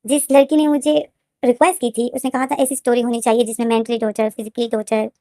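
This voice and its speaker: A woman retells a fan fiction story in a casual, quick, looping way, repeating herself and restarting sentences. Her voice is slightly high and mellow. The recording is dry and close. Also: little pitch movement, no echo. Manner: fast, repetitive, restarting retelling.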